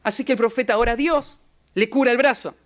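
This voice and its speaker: A pastor with a Rioplatense Argentine Spanish accent preaches an expository sermon in a very high, fast, fairly bright voice. He retells scripture, adds rhetorical asides, and often repeats short words.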